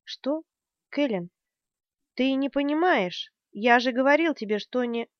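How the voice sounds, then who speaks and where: A woman's voice: high-pitched, animated, measured pace, dry recording, lo-fi sound. A woman reading the part of a desperate young man who pleads in tears, in an audiobook character reading. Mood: protesting. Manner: pleading, tearful.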